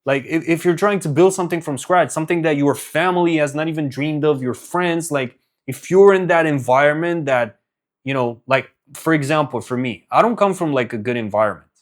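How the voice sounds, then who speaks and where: A young man from Romania, working as a business coach, gives a casual, earnest motivational talk. His voice is a little high and a little fast, with frequent fillers and restarts.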